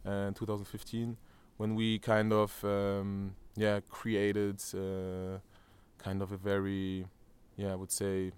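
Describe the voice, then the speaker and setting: He speaks slowly in a completely flat delivery with hardly any pauses, his voice low, darkish and smooth. The man, in his thirties and from Germany with a German accent, is interviewed on a terrace above a valley and talks hesitantly, with many fillers and restarts.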